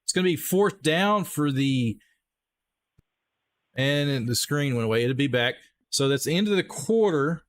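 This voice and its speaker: At a measured pace and medium pitch, this Texan streamer delivers animated live play-by-play. His tone is casual, friendly, and upbeat as he talks straight to his viewers and gives the chat shout-outs.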